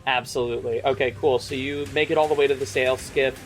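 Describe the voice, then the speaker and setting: A man's voice: mid-range voice, fairly even intonation, fast talker, faint music behind. A man running a tabletop game as dungeon master, chatty and loose, with frequent fillers.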